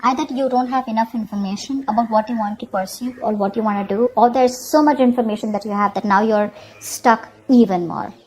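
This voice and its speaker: Her voice a little high, a little quick and somewhat dark, the channel host improvises a tarot reading on poor-quality audio. She keeps it conversational, addressing the viewer and regularly asking "okay?" or adding "you know."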